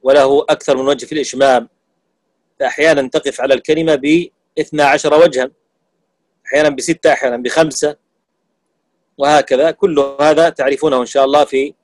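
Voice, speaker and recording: A man teaching Quran recitation rules to students, explaining terms and slowly demonstrating how sounds are pronounced. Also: mid-range voice, fairly even intonation, dry recording, poor audio. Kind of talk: classroom lesson on tajweed.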